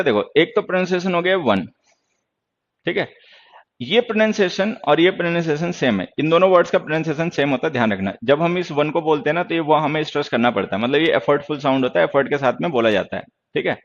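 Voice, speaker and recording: A man's voice: on the high side, expressive, fast talker, highs cut off. A man teaching English grammar in Hindi during an online class, lecturing sternly and answering viewers' questions.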